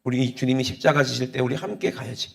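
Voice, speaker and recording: A male pastor preaching a sermon, drawing the congregation in with repeated "Amen?" and moving between hushed, low passages and loud, emphatic exhortation. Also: fast talker, creaky. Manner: preaching with frequent call-and-response "Amen?" questions to the congregation.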